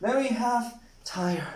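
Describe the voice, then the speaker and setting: A man teaching English vocabulary in a lesson, acting out each example in an animated way. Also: high-pitched. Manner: slow, animated, acts out examples. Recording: echoey room.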